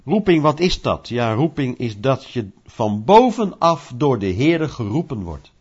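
Animated, husky-voiced male preacher. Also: medium pitch, a little slow. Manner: animated, conversational preaching with rhetorical questions. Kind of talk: sermon. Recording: dull lo-fi recording.

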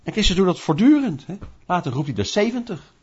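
A man preaching a sermon in a lively, conversational way, asking rhetorical questions and acting out little scenes. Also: high voice, brisk, breathy edge. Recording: dull lo-fi recording.

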